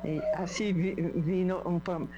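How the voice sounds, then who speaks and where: A woman's voice: on the low side, fairly even intonation, slow pace, highs cut off, over loud music. A woman from an aid association answering interview questions, hesitant with many fillers.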